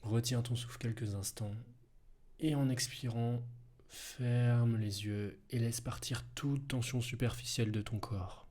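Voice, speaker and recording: A man guiding a hypnosis session slowly in a soft, hushed, intimate voice, as if right in your ear. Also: mid-range voice, steady tone. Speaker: hypnosis guide, video host.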